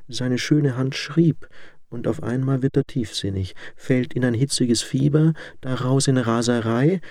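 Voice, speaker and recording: An old mother, worn down and pitying, calls out and laments in a high, pleading voice, as a male reader puts her on. The delivery is slow and the recording is dry and close. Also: darkish tone, no room sound, natural voice. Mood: lamenting. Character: elderly mother, worried and pitying. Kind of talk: audiobook character voice.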